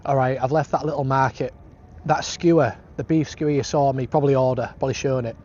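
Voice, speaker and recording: A man's voice: mid-range voice, steady tone, quick pace, a little mellow. A British man chatting casually to his travel vlog outdoors, with laddish, slangy phrasing. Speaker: travel vlogger. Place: outdoors in city streets and park. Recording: dull lo-fi outdoor sound, street noise.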